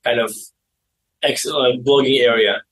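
Young Azerbaijani-accented man, slightly husky, telling stories. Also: mid-range voice, steady tone, a bit bright, poor audio. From Baku, Azerbaijan. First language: not English. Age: 20s. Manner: halting non-native English. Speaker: interview guest, e-commerce seller. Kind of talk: casual interview storytelling.

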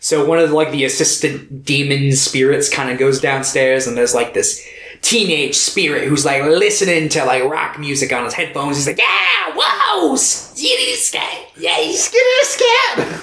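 A male podcast co-host with a mid-range voice, recorded in a roomy, echoing space. He recaps stories in loose, profane casual chat. He keeps breaking into quick, exaggerated character voices. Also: medium pitch, a bit bright.

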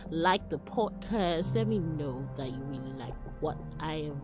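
A Nigerian-accented woman talks off the cuff on her own podcast. Her voice is on the lower side and animated, with phrases repeated for emphasis, and music is clearly audible behind her. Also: unhurried. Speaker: podcast host. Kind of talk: spontaneous casual solo podcast chat. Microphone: phone.

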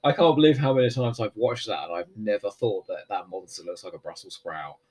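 A man's voice: on the low side, slightly rough. A man, hosting a podcast in casual, joking chat. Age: 40s. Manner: animated, joking, quick asides. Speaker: podcast host.

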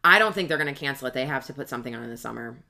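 A woman's voice: rumbling low, lively intonation, very fast, creaky, pushed and bright. A woman co-hosting a podcast in casual chat, opinionated and swearing freely. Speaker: podcast co-host.

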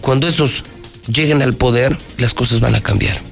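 A Mexican man hosts an opinion phone-in with light music behind him. His middle-pitched voice is emphatic and colloquial. He repeats phrases for rhetorical weight and leans into sarcasm. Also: moderate pace, vocal fry. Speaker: radio and TV talk show host. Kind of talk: live phone-in opinion commentary. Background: background music.

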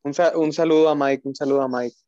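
A man's voice: fairly high pitch, fairly even intonation, fast talker, darkish tone. A young man co-hosting a football podcast as an emotional fan, chatting casually and repeating his phrases. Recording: roomless dry, slightly dull lo-fi audio.

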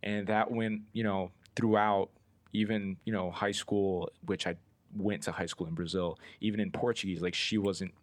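Give a very low, deep voice to a young man in his twenties hosting a podcast. He rambles loosely, full of "like" and "you know", recorded close and dry with no room sound at all. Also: level tone, moderate pace, no echo. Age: 20s. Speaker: podcast host. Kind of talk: casual interview chat.

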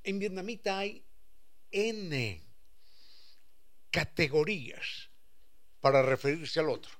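A man giving an expressive explanatory talk, acting out quoted phrases and stretching key words. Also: a little high, slow. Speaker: speaker explaining language history.

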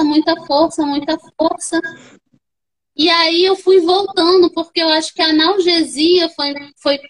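A young woman with a Brazilian Portuguese accent, a podcast guest telling her own story in a casual, animated way and acting out the voices of others. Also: very high-pitched, poor audio.

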